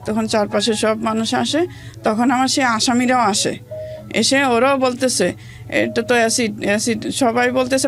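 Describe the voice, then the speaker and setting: With a fairly high voice and a Bangladeshi accent, a woman from Bangladesh recounts her personal story in an interview, her speech simple, colloquial, and hesitant.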